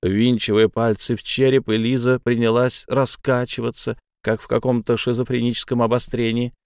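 A man narrating a first-person novel as an audiobook, in a measured, dramatic reading. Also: medium pitch, little pitch movement, a little mellow, clear, resonant tone, dry recording, studio quality.

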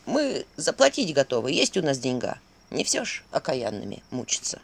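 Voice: medium pitch, wildly swooping pitch, normal speed, vocal fry, pitched below the performer's own voice, exaggerated voice. A reader voicing a weary peasant man turned ghoul who tells his story with heavy sighs in a spoken fairy tale. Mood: pleading. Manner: heavy, sighing confession.

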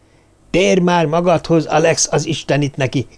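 A man reading a blustering old male dwarf leader, loud and demanding. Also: fairly high pitch, voice pushed up, lightly acted. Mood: gruff demanding. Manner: loud, demanding, bangs on the table.

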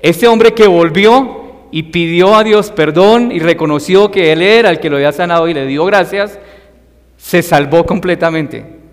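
A man delivers an emphatic sermon, his voice sitting somewhat high for a man. He presses his points with rising force and calls out loudly at times. A long reverb trails behind every phrase. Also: moderate pace. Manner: emphatic, rising to loud acted cries for quoted voices. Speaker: preacher.

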